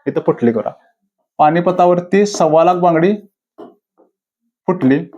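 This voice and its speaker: A man drilling exam answers, fairly high voice. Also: mellow, highs cut off, a little hiss or hum. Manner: repetitive, quizzing himself with question-and-answer drills; drawn-out, deliberate delivery of quoted verses. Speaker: exam-prep teacher. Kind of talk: classroom-style video lecture.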